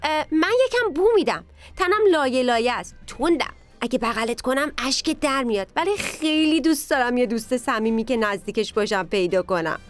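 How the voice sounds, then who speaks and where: A woman's voice: fairly high pitch, expressive, soft background music, pitched above the performer's own voice, lightly acted. A woman doing a shy, weepy little onion. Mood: pleading. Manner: eager, stammering pleading. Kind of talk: children's storybook reading.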